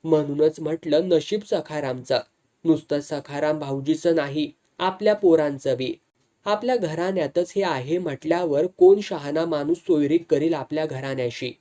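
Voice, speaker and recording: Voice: medium pitch, normal speed, mellow, natural voice. A storyteller voicing a scolding village wife. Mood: insistent. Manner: scolding, insistent, rustic speech. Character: sharp-tongued village wife, worried for family.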